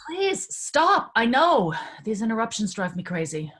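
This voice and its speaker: A woman's voice: mid-range voice, lively intonation, measured pace, a bit bright. A woman reading as an earnest devoted sister. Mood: anxious. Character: caring adult sister, anxious and tender. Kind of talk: staged play reading.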